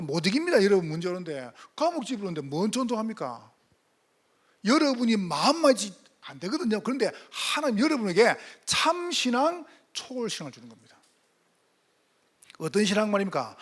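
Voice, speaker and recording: A male pastor preaching a sermon, firing rhetorical questions and swinging between loud emphatic calls and hushed asides. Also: high-pitched, husky.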